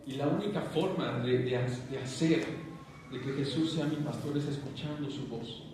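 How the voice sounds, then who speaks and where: A man preaching a sermon as pastor, animated and questioning the congregation. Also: mid-range voice, normal speed, slight background noise. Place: church hall. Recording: echoey hall, picked up from a distance.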